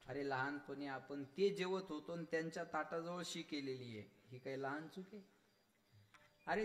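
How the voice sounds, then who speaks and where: A man with a rural Vidarbha Marathi accent delivering a devotional kirtan sermon, telling stories, acting out voices and urging his listeners. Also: a little high. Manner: animated storytelling, acts out voices, exhorts audience. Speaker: kirtan preacher.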